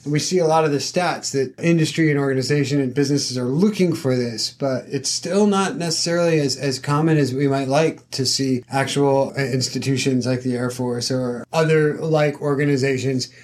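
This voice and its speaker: A man's voice: medium pitch, normal speed, hardly any pauses, darkish tone. A man co-hosting a podcast, talking casually and thoughtfully and giving practical teaching advice. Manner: thoughtful, uses many fillers like "you know". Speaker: podcast co-host. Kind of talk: casual chat.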